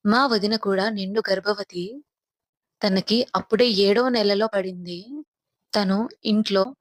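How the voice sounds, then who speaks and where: A woman's voice: mid-range voice, no room sound. A woman narrating a first-person horror story in a grave, tense manner.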